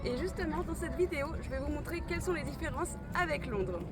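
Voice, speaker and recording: A woman's voice: sits high, expressive, quick pace. A woman giving an enthusiastic guided tour in a travel vlog, pointing things out to her viewers. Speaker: vlogger. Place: outdoors then indoors at a studio attraction. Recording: loud music behind.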